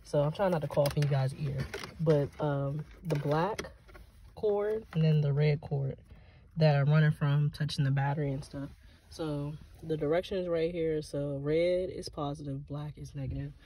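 A young American woman vlogs casually on a handheld phone in and beside a parked car, thinking aloud as she chats about a DIY job. Her voice is low, warm and steady, and she speaks at a moderate pace.

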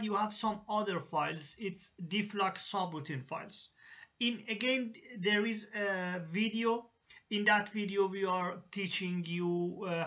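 Slow, high-pitched halting tutorial voice. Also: male voice, pushed and bright. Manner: halting, many fillers and restarts. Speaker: engineering software tutor. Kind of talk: screen-recorded software tutorial. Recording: dull lo-fi voice-over.

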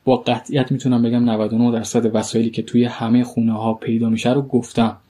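A man with a Persian accent teaching a vocabulary lesson, saying each word slowly twice and then explaining it. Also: medium pitch, little pitch movement, warm tone, slightly rough. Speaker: English teacher. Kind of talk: vocabulary lesson, slow repeated words with translations.

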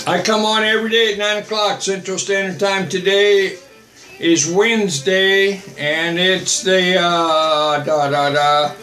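A man's voice: high voice, fairly even intonation, measured pace, sharp tone, reverberant, faint music behind. An older man, a missionary, hosting a home livestream, answering viewer comments in a blunt, repetitive way from a small home office. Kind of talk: livestream preaching and chat. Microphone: webcam at desk.

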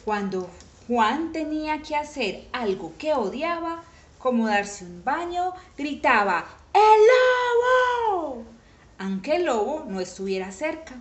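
Lively woman reading a children's story. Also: fairly high pitch, measured pace, roomy sound. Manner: animated, with sudden shouted exclamations.

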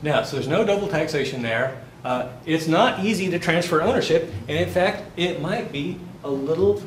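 A man in his fifties gives a live university finance lecture in a chatty style, posing questions to the class and then answering them himself. His voice is a little high and expressive, at normal speed. He is picked up by a distant camera with no visible mic, in a roomy classroom with faint background noise.

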